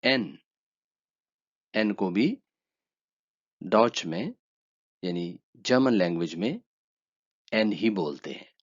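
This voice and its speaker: A man with an Urdu accent teaching a language lesson, calmly saying each letter twice. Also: deep voice, slow, pauses often. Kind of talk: slow spoken lesson. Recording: dull lo-fi sound.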